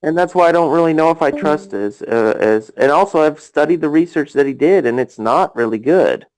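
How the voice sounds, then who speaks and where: A man's voice: a little high, animated, a little fast, a little mellow, rough recording. Rambling man talking over others in chat. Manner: rambling, filler-heavy, talks over others. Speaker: voice chat host. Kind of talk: casual argumentative chat.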